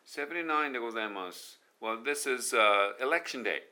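A pronunciation coach, male, talks casually in Japanese for a monologue video, working in English phrases as he goes. His mid-range voice is animated, bright and forceful at a moderate pace, and he laughs at and corrects his own slips.

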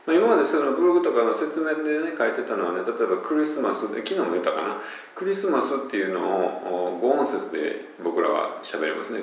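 Low kansai guy chatting thru a pronunciation lesson, bouncy pitch, super echoey room. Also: creaky, fairly bright tone, recorded from a distance, slight background noise. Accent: Kansai Japanese. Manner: chatty, demonstrates sounds aloud. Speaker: English pronunciation teacher. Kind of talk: casual spoken lesson.

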